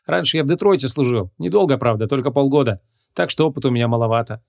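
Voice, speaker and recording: A man's voice: mid-range voice, fast, gravelly, dry recording, studio quality, natural voice. A man reading a shy rookie cop. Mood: modest. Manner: hesitant, modest.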